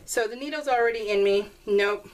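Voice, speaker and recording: Like a crafting vlogger working at an indoor craft table, a woman talks casually in a rambling, storytelling way, chatty and lively whenever she retells a conversation. Her voice is a little high at a normal speed, captured roughly on a distant mic.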